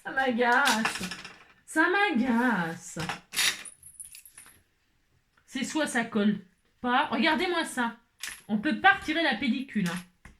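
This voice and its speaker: A woman's voice: high-pitched, lively intonation, moderate pace. A woman hosting a casual crafting tutorial, chatty and exasperated, constantly adding "hein". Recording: echoey room, faint noise.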